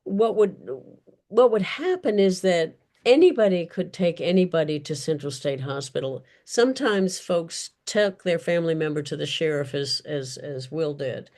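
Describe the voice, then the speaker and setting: At a virtual event, a woman author answers audience questions in an unscripted discussion, speaking carefully and often searching for words. Her voice is deep, expressive, and darkish, at a moderate pace.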